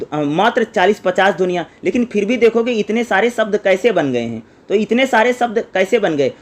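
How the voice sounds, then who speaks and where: A man giving an exam-prep lecture as a teacher. He keeps asking the listener questions and answering them himself, and he sounds out syllables slowly one by one. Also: high voice.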